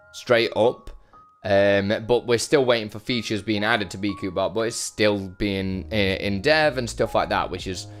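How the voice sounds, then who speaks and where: A man chatting casually on a live stream, rambling and self-deprecating as he greets viewers by name and answers their questions. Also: fairly low pitch. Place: his brother's home.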